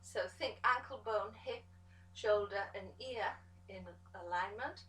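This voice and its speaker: A woman pilates instructor giving calm step-by-step cues to an exercise class, encouraging as she goes. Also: mid-range voice, unhurried, recorded from a distance. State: out of breath at times. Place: pilates studio room. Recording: echoey studio room, voice from off the mic.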